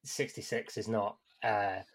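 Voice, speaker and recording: A man co-hosting a podcast in casual, conversational talk, halting and restating his phrases as he goes. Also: lowish voice, level tone, a crowd in the background. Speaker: podcast co-host.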